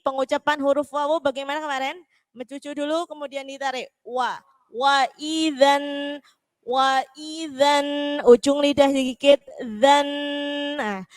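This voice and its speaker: A woman teaching a Quran recitation lesson online, repeating syllables and chanting verses slowly for students to follow. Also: sits high, no room sound. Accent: East Javanese.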